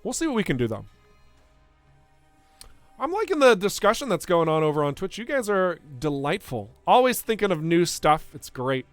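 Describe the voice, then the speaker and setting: Young man, game developer, live gameplay stream commentary, playful, excitable, high voice, dry close sound. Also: moderate pace, dry recording, faint music behind. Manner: playful, excitable, laughs often.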